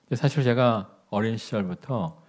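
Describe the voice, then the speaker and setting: A male pastor delivers a sermon in a very low, deep voice. He speaks slowly and deliberately, tells personal stories, and asks the congregation questions. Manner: slow, deliberate delivery, telling anecdotes and asking the congregation questions.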